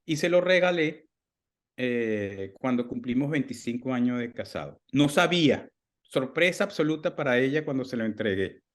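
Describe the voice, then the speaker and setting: A Venezuelan-accented man in his fifties, a guest author, talks casually in an interview from home over a video call. Speaking at medium pitch and normal speed, he's animated and acts out remembered dialogue.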